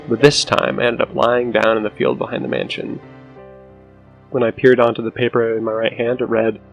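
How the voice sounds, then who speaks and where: A man reading a scripted scary story as narrator, with a low, hushed, haunting delivery and a gravelly creak in his voice. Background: music under the voice.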